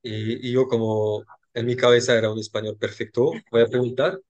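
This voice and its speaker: Earnest man, halting. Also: mid-range voice, fairly even intonation, a little mellow, lo-fi sound. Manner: earnest, halting with repeated words. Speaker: podcast guest. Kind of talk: casual conversation.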